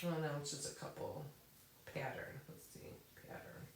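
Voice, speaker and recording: Speaking at a normal speed over some background noise, this native English-speaking woman hosts a casual craft Q&A with on-screen demonstration. She laughs a lot, answers viewers, and thinks aloud at her computer, and the audio is echoey with the mic somewhat far away.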